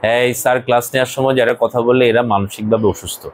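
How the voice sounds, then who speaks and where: A man's voice: mid-range voice, fairly even intonation, racing, heavy background noise. A male college English teacher, lecturing a classroom and explaining English words and phrases, sometimes scolding his students.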